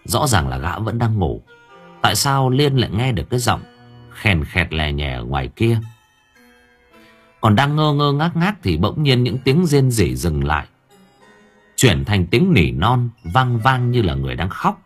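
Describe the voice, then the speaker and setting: A man with a husky, fairly low voice narrates a story. His pitch rises and falls in an animated storytelling manner. Faint music plays underneath. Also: a little slow. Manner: expressive, lively storytelling. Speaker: audiobook narrator.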